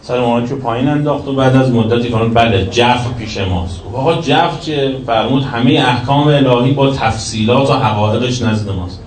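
A man giving a religious sermon, shifting between emphatic raised lines and quiet lowered passages. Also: few pauses. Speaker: cleric lecturing. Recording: roomy echo, distant from the mic, faint background noise.

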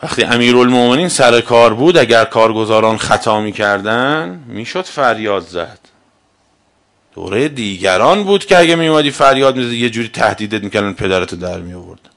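A man's voice: medium pitch, expressive. Argumentative man giving a religious lecture. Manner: argumentative, asks rhetorical questions; swings between loud emphasis and quiet asides. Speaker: cleric.

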